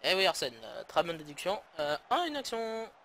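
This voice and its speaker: This Frenchman's voice is fairly high, pushed and bright, moving at normal speed with big pitch swings over a little hiss or hum. He's a gaming YouTuber grumbling sarcastically and swearing often in casual let's-play commentary on a football management game.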